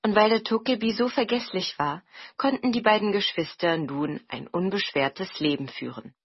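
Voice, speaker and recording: Husky woman reading a storybook. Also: medium pitch, moderate pace, lo-fi sound. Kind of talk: scripted storybook narration.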